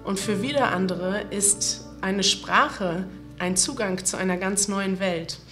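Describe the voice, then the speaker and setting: A woman host speaks to viewers sincerely and reflectively, mid-pitched and steady. Music plays clearly in the background. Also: slow. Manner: earnest, emotional, reflective. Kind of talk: heartfelt address to viewers.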